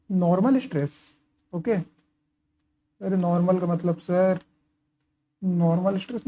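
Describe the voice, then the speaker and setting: A man tutoring engineering students in a casual lecture, often posing questions and answering them himself while checking in with "okay" and "right". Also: mellow. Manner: keeps asking and answering his own questions, frequent "okay" and "right" check-ins; writes and highlights while talking. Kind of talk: casual lecture explaining course material.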